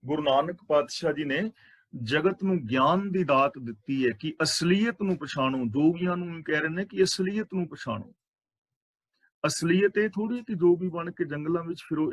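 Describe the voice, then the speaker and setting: A man with a Punjabi accent explaining scripture line by line, reciting verses slowly and then explaining them in plain words. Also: on the high side, fairly bright tone, dry recording. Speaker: Sikh scripture teacher. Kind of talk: scripture exposition.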